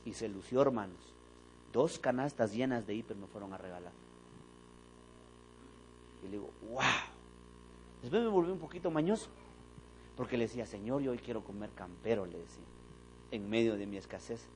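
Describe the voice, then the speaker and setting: A man's voice: on the low side, moderate pace, pauses often, a little hiss or hum, low-quality recording. A man preaching a sermon in a church, telling stories and acting out the dialogue. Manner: animated storytelling, acting out dialogue. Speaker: pastor. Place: church sanctuary.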